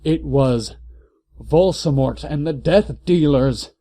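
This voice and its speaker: A man with a fairly high, dark-toned voice reads fan fiction slowly in a theatrical, comedic way. As the comic reader, he keeps interrupting his dramatic narration with incredulous asides.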